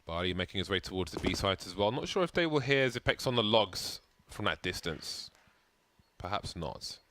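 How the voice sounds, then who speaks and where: A man's voice: lowish voice, sing-song, normal speed, slight background noise. A man doing play-by-play commentary on a competitive shooter match, chatty and prone to light banter. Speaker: play-by-play caster. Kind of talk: esports commentary. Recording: loud game sounds behind.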